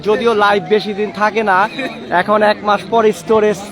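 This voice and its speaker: A man's voice: high voice, level tone, fairly quick. A man giving casual live football commentary, chatting to viewers and people around him and repeating his phrases. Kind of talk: casual live match commentary with spectator chat. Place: outdoors at a football ground. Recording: outdoor live stream with loud crowd noise. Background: crowd and outdoor noise.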